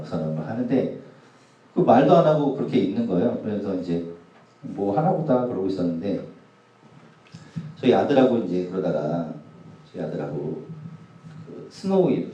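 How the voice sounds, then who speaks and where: Man, youth pastor, 40s, deep dark voice, humorous casual sermon, distant mic, very echoey hall. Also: highs cut off. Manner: casual, humorous anecdotes told to a youth group. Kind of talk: sermon storytelling. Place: church hall.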